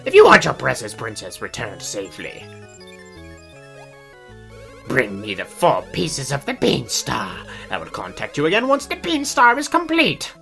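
A man's voice: mid-range voice, huge pitch swings, a little slow, gravelly, fairly bright tone, soft background music, full character voice. A man voicing a gloating monster villain possessed by a female spirit in a video game, imperious and taunting. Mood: menacing, gloating. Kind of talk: cartoonish video game villain read-aloud.

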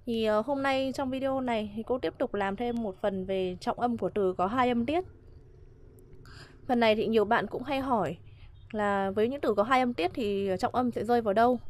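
A woman gives a video lesson in a patient, repeating way, pausing to ask if students follow. Her voice sits a little high. It is recorded close and dry, with no room sound. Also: darkish tone, no echo. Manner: patient, repetitive, checks understanding. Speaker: English teacher. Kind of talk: classroom-style video lesson.

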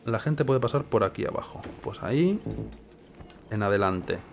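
A man's voice: on the low side, expressive, normal speed, background noise. A man with a Castilian accent from Spain giving casual gameplay commentary, musing and questioning himself as he thinks aloud. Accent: Castilian Spanish from Spain. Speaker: gaming video host.

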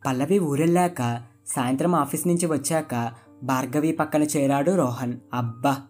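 A storyteller giving scripted story narration in a steady read-aloud delivery. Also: mid-range voice, normal speed, faint music behind.

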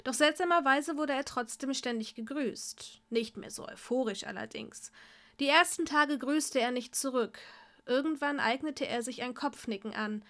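A woman reading fan fiction aloud in a steady storytelling voice. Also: high-pitched, moderate pace. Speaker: story reader.

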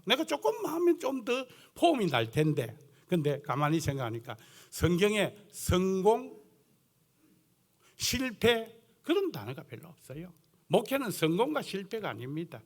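An older man delivers a sermon in a rough-edged Gyeongsang dialect. His voice sits fairly high and jumps around a lot, animated and folksy. He talks plainly and earthily, like a man who admits he is a bit coarse. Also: normal speed. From South Gyeongsang coast, Korea. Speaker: guest pastor preaching.

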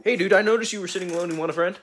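A teenage or young adult man records goofy, profane comedy skits on a phone held at arm's length, mostly in a cluttered home garage. He makes short skit videos, speaking in casual slang with a high-pitched, very fast voice and often bursting into yells.

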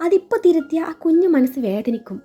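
Casting: defiant adoptive mother clinging to her child , a woman storyteller doing her, high-pitched and pleading, dull lo-fi with faint music. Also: big pitch swings, quick pace, warm tone. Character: fiercely protective adoptive mother.

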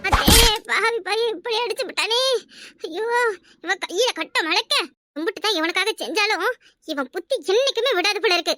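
A woman voicing a fierce quarrelsome village wife in a cartoon, with a shrill scolding manner and a Kanyakumari Tamil accent. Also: lively intonation, a little fast, bright, forceful tone, no room sound, clean studio sound, exaggerated voice. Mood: wailing. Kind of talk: cartoon voice acting.

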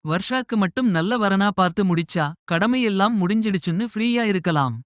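A man voicing a caring middle-aged mother who scolds softly and reassures tenderly. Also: sits high, a little fast, no room sound, clean studio sound, voice pushed up.

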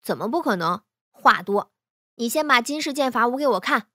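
Woman as a playful young swordsman mentor, brisk coaching, teasing, fairly high voice, dry sound. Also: lively intonation, bright, forceful tone, no room sound.

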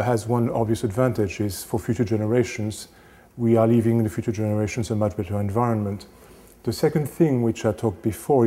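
A man in his thirties, a renovation specialist, giving a casual lecture to camera on a lapel mic, halting with many fillers and restarts. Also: medium pitch, warm tone. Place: small indoor studio set.

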